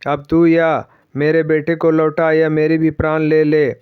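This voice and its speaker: A man's voice: a little high, completely flat delivery, measured pace, clear, resonant tone, dry recording, natural voice. A man reading the lines of a devout old village mother who pleads and laments, in a slightly dull, dry recording. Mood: anguished.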